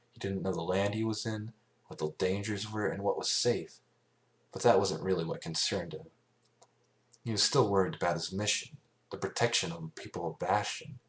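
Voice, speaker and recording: A low-voiced man reads scripted fan fiction aloud like an amateur, halting and tripping over phrases now and then.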